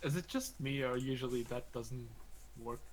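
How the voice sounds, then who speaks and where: A man running a tabletop game as game master, relaxed and joking, often laughing. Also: mid-range voice, moderate pace, slight background noise, poor audio.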